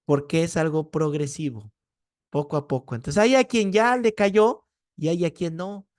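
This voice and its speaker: A man with a Mexican Spanish accent teaching a Bible class indoors, telling lively stories and tagging his points with quick questions to the class. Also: fairly high pitch, no room sound, clean studio sound. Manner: lively storyteller, rhetorical "¿no?" tags.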